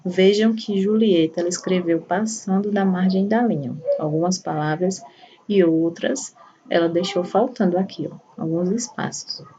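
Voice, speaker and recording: A woman's voice: fairly low pitch, steady tone, normal speed, dark tone, muffled recording. A woman teacher giving a patient primary school lesson, walking through examples one by one. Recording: voice a bit far from the mic, faint room noise.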